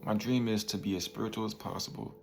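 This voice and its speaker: A man's voice: on the low side, steady tone, fast, gravelly, a little hiss or hum. A man in his twenties giving a casual motivational monologue to the camera, laid back and full of slang, tagging lines with "bro" and "you feel me". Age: 20s. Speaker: vlogger.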